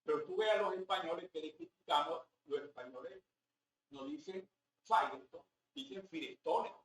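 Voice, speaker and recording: High-voiced Venezuelan man lecturing. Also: sing-song, moderate pace, gravelly, a bit bright. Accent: Venezuelan Spanish. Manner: conversational, rhetorical asides to the audience. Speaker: professor. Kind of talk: classroom lecture. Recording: roomy hall, mic at a distance, faint background noise.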